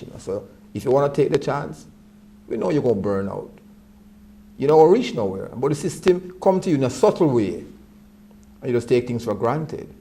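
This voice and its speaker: A man's voice: medium pitch, a little mellow. A man speaking in a Rastafarian manner, reasoning earnestly and often repeating words as he reaches for his point.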